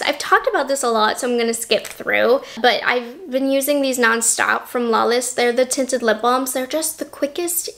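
High-voiced chatty beauty vlogger woman. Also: gravelly. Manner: chatty, upbeat, quick run-through. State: out of breath. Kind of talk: casual product review.

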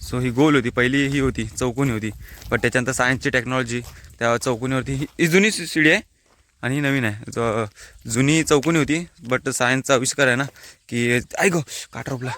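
Standing on a hilltop beside a water tank, a Konkan man vlogs into a handheld phone, chatting casually and explaining local words as he walks. His Marathi carries a Konkani inflection, and his medium-pitched voice is a little fast and fairly bright.

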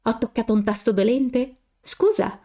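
A bold young woman with a taunting, mischievous edge, put on by a woman reading aloud. Her voice sits high and her teasing runs through every line of this audiobook scene. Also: normal speed, mellow, close to an everyday voice.

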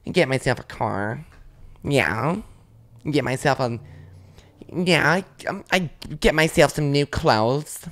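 A woman's voice: extremely low pitch, lively intonation, slow pace, heavily acted. A woman voicing a whiny, bored young woman who is always complaining, drawling and sarcastic, as a comedy podcast impression.

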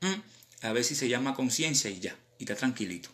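A man with a Cuban accent, a rapper chatting casually on a live stream in animated, slang-filled talk. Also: mid-range voice, a little fast. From Cuba.

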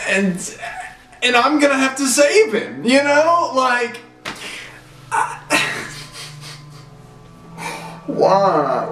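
A man's voice: high-pitched, a bit bright. A young man, a reality show contestant, rambling in exasperation in a confessional. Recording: roomy, distant mic.

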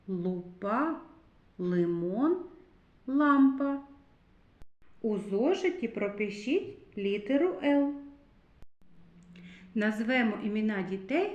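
Slow, clear woman teaching small children. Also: mid-range voice. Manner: slow, carefully spelled-out speech addressing children warmly. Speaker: kindergarten teacher. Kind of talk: slow, clear literacy lesson for young children. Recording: echoey room, dull lo-fi sound.

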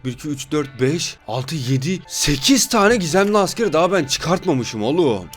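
A man's voice: on the high side, sing-song, normal speed, faint music behind. A sleep-deprived man giving casual, playful gameplay commentary as a gaming YouTuber, joking with his viewers.

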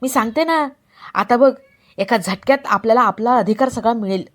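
A woman's voice: on the high side, moderate pace, close to an everyday voice. A woman voicing a scheming middle-aged mother who defends herself and lays guilt on her son. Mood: indignant. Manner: indignant, guilt-tripping.

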